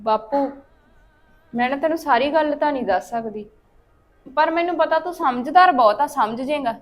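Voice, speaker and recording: An actress playing a young married daughter who is blunt and indignant. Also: female voice, high voice, normal speed, faint music behind, close to an everyday voice. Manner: blunt and sharp-tongued.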